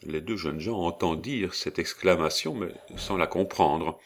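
Deep-voiced male audiobook narrator. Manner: steady, measured storytelling. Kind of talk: scripted narration.

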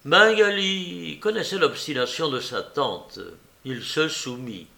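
A man narrating a classic novel in a measured, deliberate reading. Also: on the high side, gravelly, sharp tone.

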